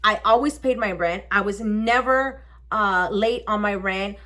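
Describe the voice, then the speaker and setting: A young woman vlogger telling a personal story in a casual, animated way, swearing often and acting out the people in it. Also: medium pitch, a little slow. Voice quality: animated, swearing, acts out voices in her story.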